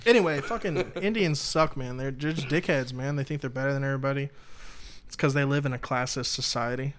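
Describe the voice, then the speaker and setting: A man's voice: medium pitch, brisk, fairly bright tone. A man co-hosting a podcast, talking in blunt, profane, swaggering casual banter. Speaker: podcast co-host.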